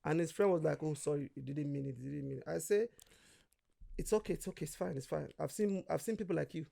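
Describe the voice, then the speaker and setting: This Nigerian man has a fairly high, heavily gravelly voice and talks fast as a guest in a casual chat. He tells energetic stories, acts out the voices of the people he quotes, and swears freely.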